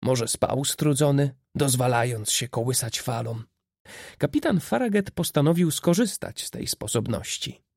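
A man reading a classic adventure novel as an audiobook, with steady, expressive storytelling. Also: mid-range voice, measured pace, vocal fry, no room sound, clean studio sound. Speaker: narrator.

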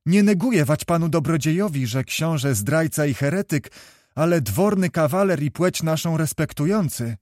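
A man voicing a lively, chatty young noblewoman in a read storybook, talking quickly like a chirping bird. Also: a little high, dry recording, studio quality, lightly acted. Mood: chirpy.

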